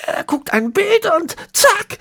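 A reader voicing a spiteful, scheming 101-year-old man in a high, whispery, cackling old voice, from an audiobook. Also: big pitch swings, takes it slowly, sharp tone, heavily acted.

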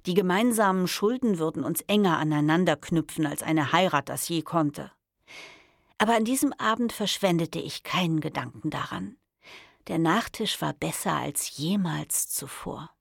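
A woman reads a novel in the first person. Her tone is wry and expressive. Her voice is low and gravelly and moves a lot in pitch. The studio sound is close and dry. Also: moderate pace, no room sound. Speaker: audiobook narrator.

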